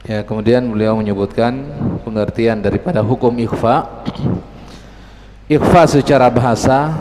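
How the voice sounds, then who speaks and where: A man's voice: medium pitch, a little mellow, big-room sound, a little hiss or hum, low-quality recording. A man translating and explaining a religious lesson, speaking in short broken phrases. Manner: very slow, breaks phrases into short pieces.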